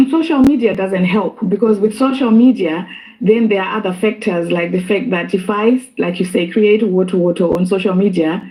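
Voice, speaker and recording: A woman from Zimbabwe talks through her views as a guest in a discussion. She sounds thoughtful, with a dark, mellow voice, and she pauses and restarts often. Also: mid-range voice, rough recording. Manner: thoughtful, hesitant with many fillers and restarts. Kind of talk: casual discussion.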